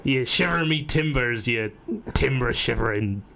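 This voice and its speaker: A man's voice: medium pitch, a little slow, creaky, bright, forceful tone, slight background noise. A young man putting on a generic pirate voice, drawn out and growling in pirate slang, in a radio studio. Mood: mocking. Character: generic gruff pirate, male, insulting.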